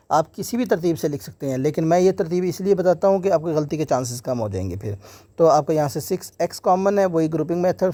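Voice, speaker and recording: A man's voice: a little high, mellow, no room sound. A man teaching an exam maths lesson step by step, mixing English terms into Hindi and often saying "theek hai ji". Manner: slows right down when dictating English steps.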